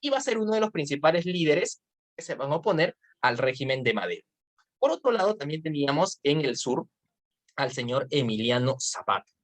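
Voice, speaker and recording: Chatty Peruvian history tutor, low voice. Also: female voice, very animated, brisk. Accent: Peruvian Spanish. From Peru. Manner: chatty, with tag questions. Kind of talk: online exam-prep lecture.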